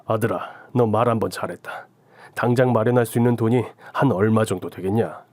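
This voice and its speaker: A man voicing a curt, gruff older father-in-law in a radio drama. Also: fairly low pitch, a little fast, darkish tone, dry recording, natural voice.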